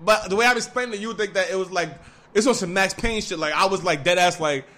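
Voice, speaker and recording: A young man with a fairly high voice spins a long story in loose, profane street slang. He rambles through fillers and restarts and gets animated as the tale builds. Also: quick pace. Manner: animated, breaks into laughter. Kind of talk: casual chat.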